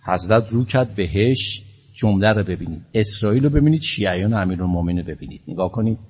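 Husky low-voiced male preacher. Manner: lively storytelling that rises to impassioned appeals. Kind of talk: Shia religious sermon and storytelling.

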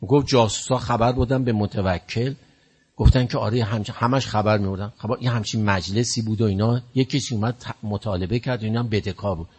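Man, preacher, sermon storytelling, husky, emotive, exhorting. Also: lowish voice, fairly even intonation, a little mellow.

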